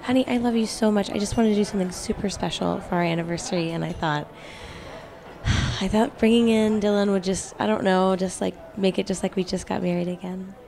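A woman improvising an excitable wife on her anniversary, who rambles and gushes with lots of fillers. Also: medium pitch, brisk, gravelly, faint music behind, natural voice. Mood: gushing. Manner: gushing and rambling, lots of "like" and "just". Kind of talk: improv comedy.

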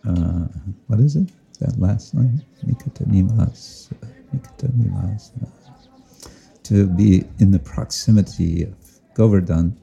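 A man giving a slow, reflective devotional talk outdoors to listeners, often chuckling and explaining Sanskrit and Bengali terms. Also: on the low side, creaky, warm tone, husky, muffled recording. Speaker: spiritual teacher. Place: outdoors with listeners, sun overhead.

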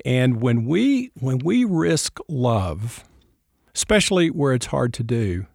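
A male host in a reflective faith conversation answers his guest with warm, ready affirmations. He drifts into long, winding stories and keeps a mid-range voice. The sound is close and dry. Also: medium pitch, very animated, slow pace, creaky, dry recording. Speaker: podcast host.

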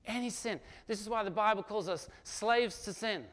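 A middle-aged pastor preaching a sermon in a conversational, animated way, full of asides and rhetorical questions. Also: male voice, sits high, moderate pace.

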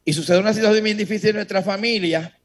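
A man giving a religious testimony to a congregation, telling his story in a lively way and speaking straight to his listeners. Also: sits high, quick pace.

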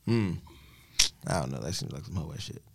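A man's voice: low voice, animated, fairly quick, vocal fry, very noisy. A man co-hosting a casual podcast, reacting in a laid-back way with short interjections and comments. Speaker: podcast co-host. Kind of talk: casual chat.

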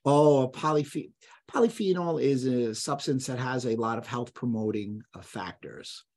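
An emphatic man lays out health claims as a podcast guest, blunt and sure of himself. His voice sits in an ordinary middle pitch. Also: normal speed, darkish tone. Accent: none, trained out of New York accent. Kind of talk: conversational podcast interview.

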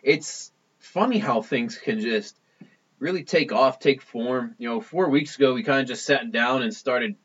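Husky male podcast host, muffled recording. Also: mid-range voice, measured pace, fairly bright tone. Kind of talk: casual bantering podcast chat. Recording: dull, tinny lo-fi podcast recording.

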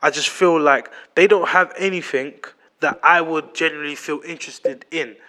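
A man's voice: on the high side, moderate pace, bright, forceful tone. A man in his late twenties with a London roadman accent, chatting casually and emphatically as a podcast host, repeating himself and using slang. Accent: London roadman (urban London slang accent). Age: late 20s. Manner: emphatic, repetitive, slang-heavy. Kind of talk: casual opinionated chat.

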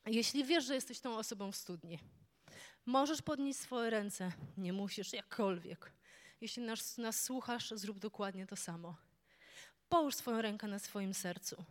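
A woman preaching a sermon, moving from soft storytelling to loud, fervent declarations. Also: medium pitch, long reverb tail.

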